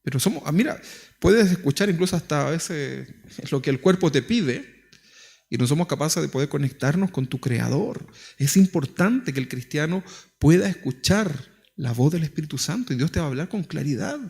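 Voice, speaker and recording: A man's voice: fairly high pitch, lively intonation, normal speed, creaky, darkish tone. A man with a Chilean Spanish accent preaching a sermon as pastor, talking conversationally with many rhetorical questions. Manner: acts out quoted prayers.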